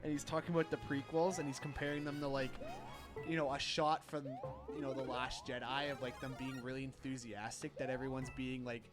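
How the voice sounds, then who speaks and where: A man's voice: mid-range voice, flat delivery, a little fast, music in the background. A man co-hosting a game stream, chatting casually, laughing often and filling with "like". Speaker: streamer co-host. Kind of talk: casual chat while gaming.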